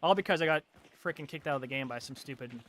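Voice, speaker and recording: A young man streaming a game, ranting in frustration and swearing, with loud outbursts. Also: fairly high pitch, quick pace. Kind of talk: live game stream commentary.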